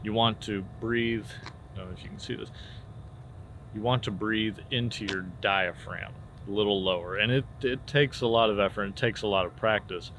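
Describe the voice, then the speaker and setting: Low-voiced man, casual drama teacher, noisy recording. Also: moderate pace. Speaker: theater warm-up instructor. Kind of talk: informal drama lesson. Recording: clear steady background noise.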